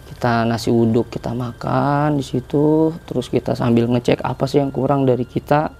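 A young man tells a story on a podcast in an easy, chatty way, and his sentences wander. His voice is low and mellow with a gravelly edge, and his pitch sits in a middle range. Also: steady tone, moderate pace. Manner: chatty, rambling, with many filler tags. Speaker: guest telling a hiking story.

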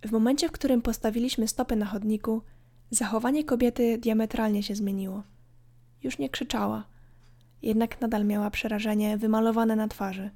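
A woman narrating a scripted horror story in a calm, measured way. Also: fairly high pitch. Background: faint background music.

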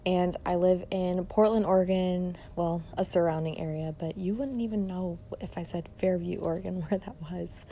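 A Detroit, Michigan woman in her twenties, a fitness and mindset coach, hosts her own podcast in a casual solo monologue. Her voice sits on the low side and is warm and soothing, with fairly even intonation and a moderate pace. She barely pauses, rambles with lots of fillers, and there's slight background noise.

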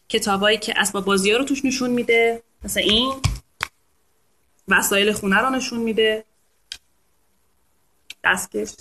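A woman's voice: medium pitch, fairly bright tone. A woman hosting a casual live talk for an online audience, speaking in a chatty, playful way and now and then imitating animal sounds. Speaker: host of a live talk on reading to babies.

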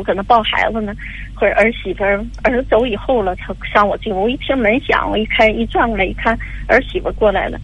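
Older woman caller, husky voice on a muffled phone line, rambling through her story. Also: fairly high pitch, dry recording. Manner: tearful, rambling storytelling with many fillers. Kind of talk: call-in advice radio.

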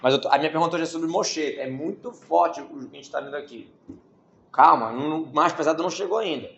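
A man teaching a casual Bible study class, reading verses aloud and adding joking asides and quick rhetorical questions. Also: a little high, creaky, fairly bright tone. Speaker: Torah teacher. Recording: echoey room, dull lo-fi sound, faint hiss.

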